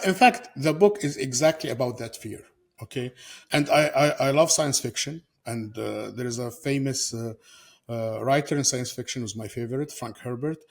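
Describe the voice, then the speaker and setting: A middle-aged man from Syria, a guest author answering interview questions in a halting way, with many fillers and restarts. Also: medium pitch, breathy edge.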